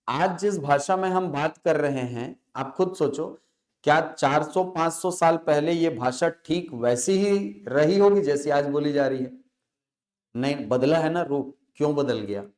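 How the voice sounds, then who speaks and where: Guy teacher lecturing a class, keeps asking qs and answering them himself, voice sits a bit high. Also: a little mellow. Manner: asks students questions and answers them himself; repeats key words slowly for emphasis.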